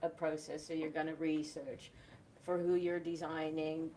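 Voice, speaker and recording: A young woman in her twenties from the Netherlands, a festival host explaining her work in a measured, step-by-step casual chat. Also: low voice, flat delivery, dark tone, slight background noise.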